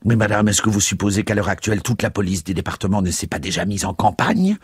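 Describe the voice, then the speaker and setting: A man's voice: fairly low pitch, lively intonation, fast talker, slightly rough, dry recording, studio quality. A man doing a pompous, blustering old father. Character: pompous, irritable elderly male father.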